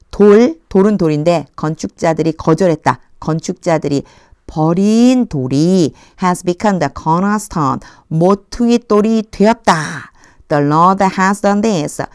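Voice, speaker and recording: A woman leads an English Bible lesson, reading each phrase slowly and then explaining it in a friendly, chatty way. Her voice sits a little low, and the recording is dry and close. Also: clear, resonant tone, no room sound. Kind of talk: Bible verse translation lesson.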